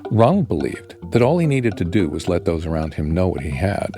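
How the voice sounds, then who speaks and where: A man narrating a podcast story in a measured, scripted storyteller's delivery. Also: sits low, big pitch swings, dark tone, soft background music.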